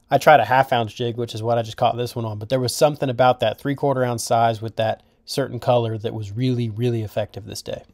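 A man's voice: mid-range voice, darkish tone, no echo, studio quality. A man narrating his fishing trip in a casual, explanatory voice-over.

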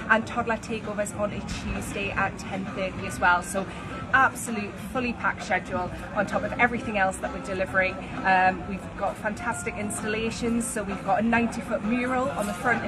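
A woman in her thirties, an events and marketing manager, giving an upbeat on-location interview in an outdoor restaurant courtyard. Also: medium pitch. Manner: upbeat promotional, lists events with fillers. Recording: loud background music outdoors. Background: music.

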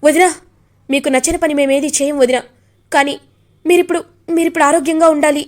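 A woman voicing a caring young woman of the house who soothes and coaxes the family, in a high voice. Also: steady tone, fairly quick, natural voice. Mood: gentle. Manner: soothing, coaxing.

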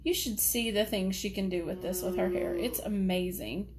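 A woman's voice: mid-range voice, moderate pace, over a noisy crowd. A middle-aged woman, chatting casually and laughing often while she curls her hair in her home office. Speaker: hair tutorial vlogger. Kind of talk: casual live chat while styling hair.

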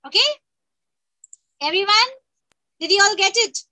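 A woman's voice: very high voice, lively intonation, extremely slow, pushed and bright, low-quality recording. A woman teaching children over a video call, chanting verses line by line in a half-sung call and repeat.

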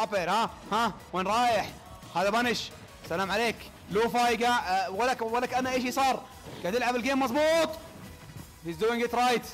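A young man calls a fighting-game match in a very high, bright voice. He fires off quick play-by-play that jumps into excited shouts. His voice sounds worn out from a long stream, and faint music plays underneath. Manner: excitable, rapid-fire calls that burst into shouts. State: voice worn out from commentating. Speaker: tournament commentator. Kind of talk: live esports play-by-play commentary.

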